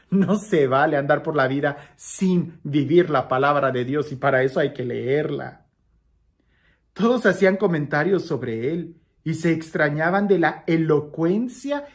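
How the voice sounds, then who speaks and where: Expressive priest preaching a homily. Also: male voice, on the high side. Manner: expressive, swings from lively raised passages to soft hushed ones; repeats phrases for emphasis. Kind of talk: daily gospel homily.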